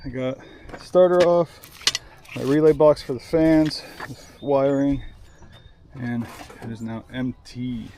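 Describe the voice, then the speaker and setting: A young man chatting casually while working on a car in his garage, excited and swearing often. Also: mid-range voice, slow, pauses often, a little hiss or hum. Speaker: car builder vlogger.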